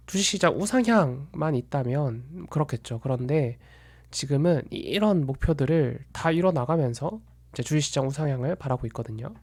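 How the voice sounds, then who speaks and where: A man calmly walking through his own view of markets in a solo commentary, measured and analytical, sometimes stopping to correct himself. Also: a little high, no echo. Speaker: investment commentator.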